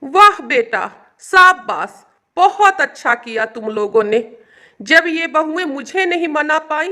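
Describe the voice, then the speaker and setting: A stern, sad old mother-in-law in an animated story. The voice sits high and bright, and she often sighs and scolds. The pace is unhurried. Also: exaggerated voice. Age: older. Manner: sighing, scolding.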